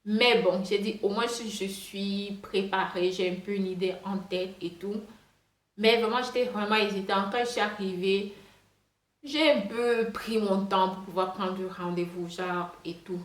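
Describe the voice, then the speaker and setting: A woman's voice: medium pitch, measured pace. Chatty woman with a foreign accent, roomy echo. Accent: non-native French accent. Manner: rambling, chatty, many fillers and restarts. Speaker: hair vlogger. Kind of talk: casual storytime monologue. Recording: roomy echo with faint music.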